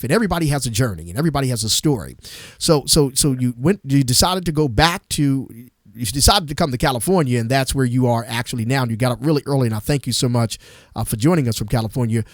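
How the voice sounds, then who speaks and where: A man's voice: medium pitch, no echo, clean studio sound. A man hosting a gospel radio show, talking with enthusiastic, emphatic, repetitive energy.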